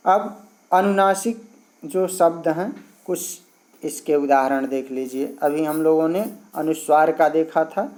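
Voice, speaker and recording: Slow, patient teacher. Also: mid-range voice, a little mellow. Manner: poses questions and answers them itself; lists examples one by one. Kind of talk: explaining a grammar lesson.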